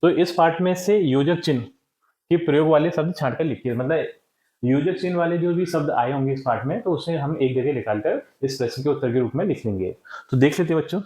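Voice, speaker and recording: A man's voice: on the high side, fairly quick, warm tone, roomy sound. A man explaining a textbook lesson to children, patiently asking and answering his own questions. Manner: patient, checks with repeated "ठीक है" and questions. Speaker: teacher.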